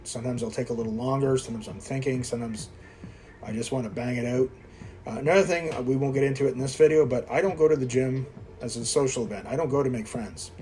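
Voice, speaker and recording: Talking fast in a dark, medium-pitched voice, this fifty-something fitness vlogger from Quebec, Canada gives casual commentary during his indoor gym workout. He coaches viewers bluntly and pokes fun at himself, and the recording is rough.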